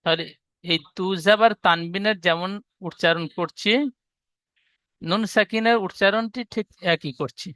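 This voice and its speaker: A man's voice: sits high, moderate pace, fairly bright tone, clean tone, dry recording. A man teaching an online Quran reading class, patiently explaining rules step by step.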